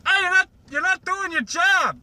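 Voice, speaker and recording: A man's voice: very high-pitched, moderate pace, sharp tone, slight background noise, pitched above the performer's own voice, heavily acted. A man voicing a bossy young female pony who scolds and complains. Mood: scolding.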